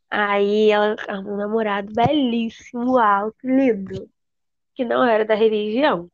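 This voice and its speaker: A young woman, telling embarrassing stories in animated casual chat and acting out the quotes. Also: a little high, no room sound. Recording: dull lo-fi dry sound.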